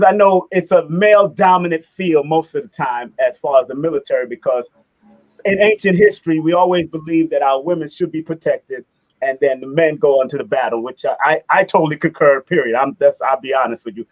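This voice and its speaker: A middle-aged man hosting a casual interview, animated, repeating his words and laughing often. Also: a little high, muffled recording. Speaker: host.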